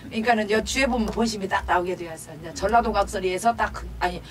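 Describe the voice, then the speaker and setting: A woman's voice: mid-range voice, fast, a little hiss or hum. A woman teaching a Korean folk song, explaining the verses in a chatty, laughing, storytelling way. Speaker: pansori teacher. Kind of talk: sung folk verse then casual spoken explanation. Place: traditional music class room. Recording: singing class recorded from far off, music behind.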